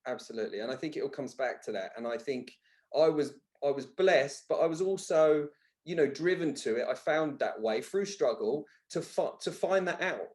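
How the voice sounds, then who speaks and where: Speaking at a normal speed, this thirtysomething man has a fairly high, darkish, animated voice. He is a guest in a conversational podcast interview about personal development, and his earnest, emphatic style often leans on repeated words.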